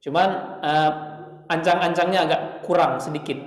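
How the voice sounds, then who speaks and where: Patient Indonesian Quran teacher, echoey hall. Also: male voice, on the high side, fairly even intonation, moderate pace. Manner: patient, demonstrates letter sounds over and over. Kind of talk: Quran pronunciation lesson. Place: prayer room. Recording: echoey hall, mic at a distance.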